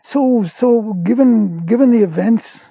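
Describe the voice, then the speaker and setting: A man hosting an interview, asking measured questions as he searches for words. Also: very high-pitched, gravelly, warm tone, no room sound. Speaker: podcast host, interviewer.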